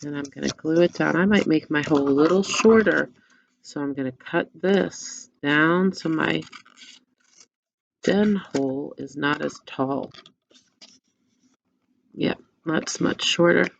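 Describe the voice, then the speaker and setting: A woman teacher talks children through a paper craft in gentle, step-by-step instructions. Her voice is low and she speaks very slowly. The sound is dull and lo-fi. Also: gravelly, slight background noise. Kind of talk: craft lesson and story read-aloud for children.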